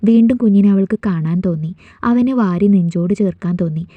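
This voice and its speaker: A woman narrating a family romance story in a soft, steady storytelling manner, on a dull, dry recording. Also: mid-range voice, brisk, dry recording.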